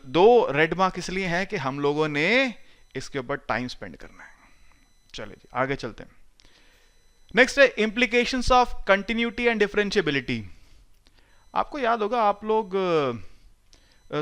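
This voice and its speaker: A man's voice: on the high side, a bit bright, clean tone. A middle-aged man from India giving a recorded math lecture in a chatty, reassuring way, mixing in English phrases. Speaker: math teacher.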